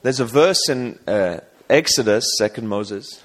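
A man's voice: fairly low pitch, animated, unhurried, a bit bright. A man from England preaching at a church service, speaking German hesitantly with many fillers, then in English for an interpreter. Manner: rises to an emphatic, raised preaching voice in English. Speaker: guest preacher. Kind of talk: sermon with live interpreter.

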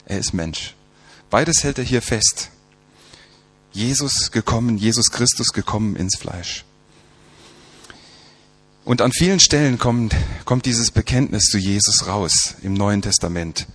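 A man delivers a sermon in a somewhat low, husky voice. He asks rhetorical questions and leans hard on key words. He slows down and stresses each phrase of the scripture passages he quotes. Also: expressive, fairly bright tone. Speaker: preacher.

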